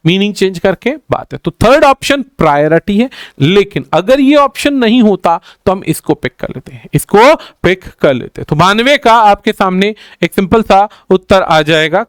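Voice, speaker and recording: A man's voice: high-pitched, clear, resonant tone, no echo, studio quality. A male teacher explaining exam answers, repeating key points and calling his students "bhai" as he mixes in English grammar terms.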